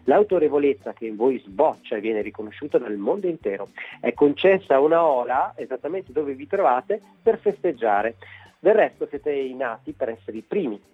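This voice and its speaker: A man gives a breezy, theatrical horoscope reading as a guest astrologer. His voice is husky and comes through a muffled phone line. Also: mid-range voice.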